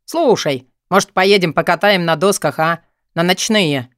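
A man voicing a pushy, crude, excitable young man in an audiobook, raising his voice and pitch to badger a friend. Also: normal speed, no echo, studio quality. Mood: excited, pushy. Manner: eager, crude, insistent.

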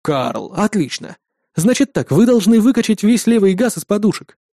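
A man's voice: high-pitched, very animated, normal speed, gravelly, dark tone, no echo, studio quality, voice pushed up, full character voice. A man voicing a cold, brash male officer who snaps threats and orders.

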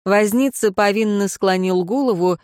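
A woman reading a fantasy novel aloud as audiobook narrator, measured and steady. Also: mid-range voice, clean tone, no echo, clean studio sound. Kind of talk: scripted narration.

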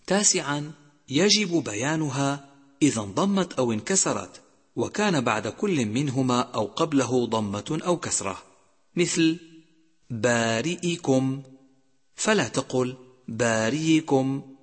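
A man teaching Quran recitation rules in a measured way, slowly drawing out each example word. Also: mid-range voice, very animated, breathy edge. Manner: measured, numbered points, slowly drawn-out example words. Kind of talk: instructional lesson. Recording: long hall reverb.

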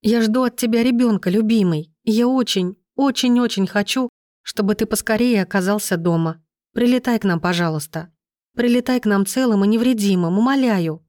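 A woman's voice: mid-range voice, moderate pace, a little mellow, no room sound, studio quality, pitched above the performer's own voice, lightly acted. A woman voicing a tearful young pregnant wife on the phone, nasal and sniffling, pleading. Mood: tender pleading. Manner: pleading, breathless. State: crying, sniffling.

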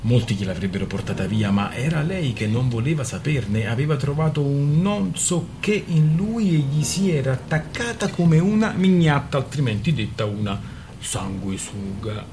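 A man reading a novel aloud on the radio with expressive, theatrical storytelling. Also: mid-range voice, normal speed, background noise. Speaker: radio reader.

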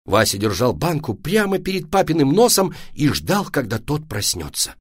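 A man narrating a children's story in an expressive, lively reading style. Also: a little high, normal speed, slightly rough, dry recording, studio quality.

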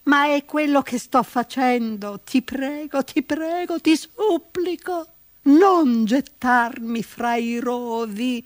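Woman acting small crafty male rabbit, high squeal, storybook, dry close sound. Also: big pitch swings, measured pace, no echo. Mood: pleading. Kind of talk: storybook reading.

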